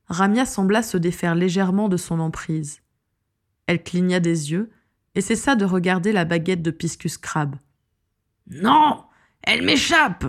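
A woman with a fairly low voice reads a fantasy novel aloud. Her narration is scripted, steady and expressive, carrying the story forward. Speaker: audiobook narrator.

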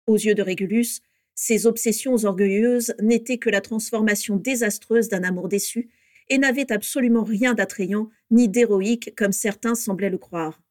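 A woman reading a story aloud with steady, measured narration. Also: mid-range voice, no room sound, studio quality.

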